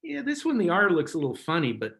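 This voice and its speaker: A man's voice: fairly high pitch, wildly swooping pitch, quick pace, gravelly, fairly bright tone. A man presenting a webinar in a casual, rambling way over a video call, chuckling often. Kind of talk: casual instructional talk.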